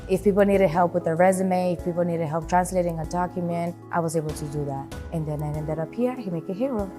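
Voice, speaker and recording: A woman's voice: on the low side, fast talker, over music. A young woman from the Dominican Republic, a program director, speaking earnestly in an interview with some fillers.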